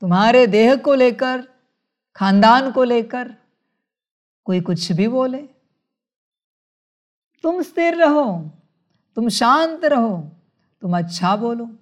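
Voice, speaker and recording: A woman giving a spiritual sermon, speaking in a measured way, calling her listeners children and asking rhetorical questions. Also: fairly high pitch, expressive. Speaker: spiritual teacher.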